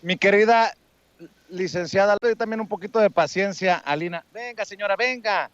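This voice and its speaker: Reportero mexicano, voz aguda, cordial y bromista, sonido seco y apagado. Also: male voice, high-pitched, normal speed, no room sound. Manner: friendly, joking, coaxing. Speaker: street reporter. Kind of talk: street interview. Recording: dull lo-fi dry sound.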